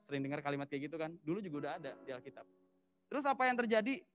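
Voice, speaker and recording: A male pastor giving a casual, lively sermon, telling the story in slang and mixing in English phrases. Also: a little high, very fast, lo-fi sound, faint music behind. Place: church service.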